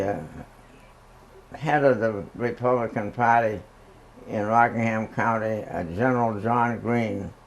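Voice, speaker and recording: A very old man, recalling the past in a halting, hesitant oral history interview. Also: on the low side, creaky, low-quality recording.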